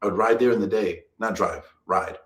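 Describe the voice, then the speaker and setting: A man with a low-pitched voice co-hosts a casual live stream, talking in a loose, rambling way and circling back over his own phrases. He laughs easily. His voice carries an echo from the room around him. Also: fairly quick, a bit bright. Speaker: co-host.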